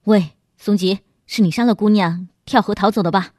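A woman reads as a brash young male policeman in a storybook tale, barking his accusations in a lowered, forceful voice. The recording is dry and close. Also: lively intonation, brisk, dry recording, natural voice. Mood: accusing.

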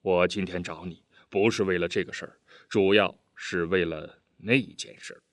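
A man's voice: deep voice, steady tone, moderate pace, fairly bright tone, no room sound. A man voicing an eager, earnest middle-aged official who keeps pressing his case in a storybook reading. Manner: earnest, pleading, talkative.

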